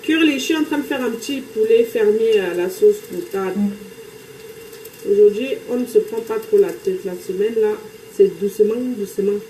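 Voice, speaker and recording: A woman's voice: medium pitch, moderate pace, warm tone, slight background noise. Chatty Cameroonian woman cooking live, roomy kitchen. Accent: Cameroonian French. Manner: chatty, greets viewers by name. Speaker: live-stream host. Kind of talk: casual live-stream chat while cooking. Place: home kitchen.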